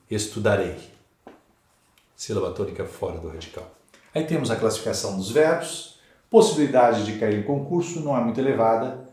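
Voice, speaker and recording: A Brazilian man teaches an exam-prep Portuguese grammar lesson slowly and emphatically, repeating key words and checking in with the class. His voice is lowish and darkish in tone, recorded in an echoey room.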